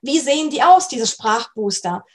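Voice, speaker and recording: A woman's voice: high-pitched, lively intonation, moderate pace. A middle-aged woman language coach giving a motivational webinar talk, emphatic and addressing the listener directly.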